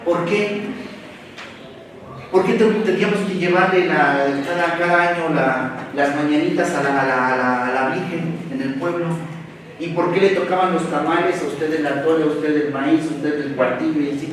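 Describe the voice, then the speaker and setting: A Mexican man with a Mexican Spanish accent lectures a seminar in a big, echoey room, standing well back from the mic. His voice is a little high for a man and steady in tone, and he drives points home with rapid rhetorical questions and slangy asides over a faint background hiss.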